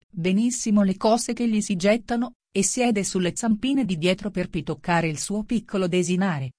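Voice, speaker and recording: A polite, curious little girl chatters on in a gentle, coaxing tone, as a woman reads her part. The voice sits mid-pitch and is recorded dry and close. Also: no room sound, close to an everyday voice. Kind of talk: storybook reading.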